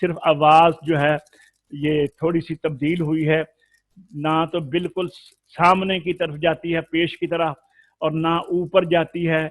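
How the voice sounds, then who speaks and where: Man teaching Quran recitation, drawn-out vowels. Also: on the high side, little pitch movement, no echo. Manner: patient, drawn-out demonstrations of vowel sounds. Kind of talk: explanatory lesson.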